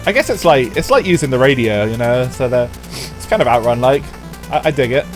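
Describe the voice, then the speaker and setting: A man with a head cold that leaves him stuffy chats with his stream audience in a rambling way while playing an old racing game. His mid-range voice is animated and fairly quick. The audio is poor, with soft music in the background.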